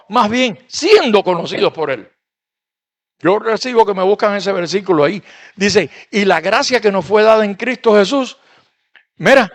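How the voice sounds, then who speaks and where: High-voiced man preaching a sermon. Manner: conversational preaching, reading and explaining verses. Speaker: pastor.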